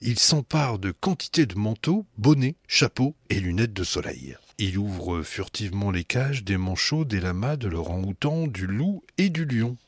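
Animated male storyteller, lively pitch. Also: a little slow, few pauses, no echo, clean studio sound. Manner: animated, playful. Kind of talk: expressive storybook reading.

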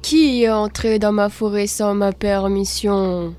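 A woman's voice: sits high, steady tone, measured pace. A growling forest spirit panther, acted by a woman. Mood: menacing. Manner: growling, possessive threats.

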